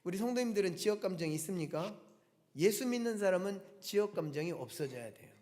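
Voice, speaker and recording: A man's voice: high-pitched, animated, quick pace, a little mellow. A male pastor preaching a Sunday sermon, talking directly to the congregation with rhetorical questions and emphatic repetition. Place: church sanctuary. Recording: long church reverb.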